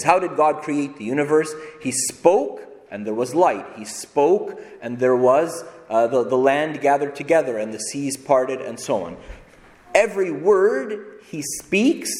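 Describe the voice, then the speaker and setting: Animated preaching man in an echoey hall. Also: mid-range voice. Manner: animated preaching with rhetorical questions. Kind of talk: sermon.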